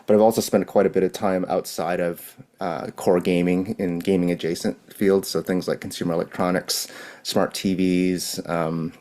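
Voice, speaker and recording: Deep, flat-voiced man in his forties. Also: moderate pace. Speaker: guest, UX manager. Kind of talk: casual self-introduction. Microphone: video call.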